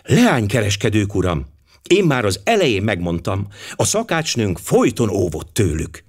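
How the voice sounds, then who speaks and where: A man voicing an excitable, gullible young housemaid in an audiobook, eager and quick to gush. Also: fairly low pitch, slightly rough, exaggerated voice. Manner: breathless, eager.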